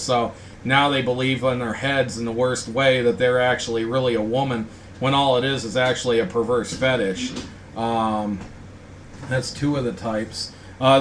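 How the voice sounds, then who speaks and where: A man hosts an informal talk with a blunt, indignant edge. He rambles at a mid pitch. A faint background hum sits behind him. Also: fairly bright tone. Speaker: host. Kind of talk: casual ranting chat.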